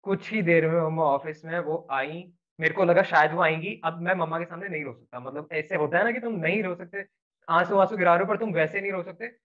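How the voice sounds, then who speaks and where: A man's voice: fairly high pitch, a little fast. A man telling a personal story in an earnest, rambling, casual way, slipping in English words. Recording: tinny phone-like sound.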